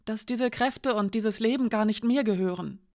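A young woman weighed down by guilt, close to tears and pleading, as a woman reading a story puts her on. The voice sits noticeably higher than the narration and pushes forward with emotion. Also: normal speed, a little mellow, natural voice. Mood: tearful.

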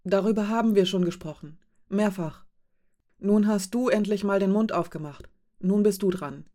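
A woman's voice: mid-range voice, moderate pace, warm tone, close to an everyday voice. A woman reading an audiobook, voicing a passionate, caring young woman who speaks insistently. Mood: firm. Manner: emotional, insistent. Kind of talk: audiobook character voice.

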